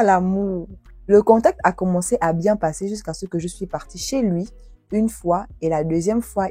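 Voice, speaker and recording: A young woman YouTuber telling viewers' love stories and reacting to them in an expressive, exclaiming way. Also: on the low side, husky, no echo. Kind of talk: storytelling with commentary.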